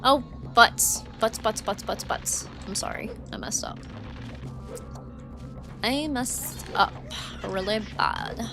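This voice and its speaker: A woman with a fairly high voice talks slowly, with vocal fry and frequent pauses, as she streams a game over background game music. Her casual livestream chatter rambles along, packed with "like" and "um," and her voice is turning dry and worn from talking so long.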